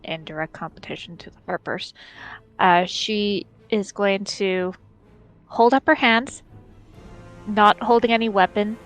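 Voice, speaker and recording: A woman's voice: mid-range voice, a little slow, long pauses, soft background music, low-quality recording. A woman playing a tabletop role-play game, describing her moves casually and hesitantly.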